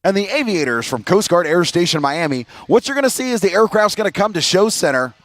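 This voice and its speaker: A male American airshow commentator with a notably high-pitched voice, recorded dry and close. He announces to the crowd like a showman, stretching out key phrases for emphasis. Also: big pitch swings, fairly quick, fairly bright tone, no room sound.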